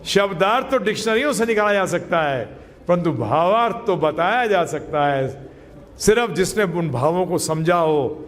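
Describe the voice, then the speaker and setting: A man's voice: high-pitched, animated, normal speed, in a large hall. A man giving a spiritual lecture to a class, emphatic, putting questions to his listeners and mixing English phrases into his talk. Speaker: spiritual teacher. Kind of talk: Gita lecture to a live class.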